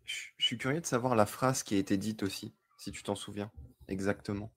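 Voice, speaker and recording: A man on a debate panel, relaxed and dryly humorous. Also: on the low side, brisk, breathy edge.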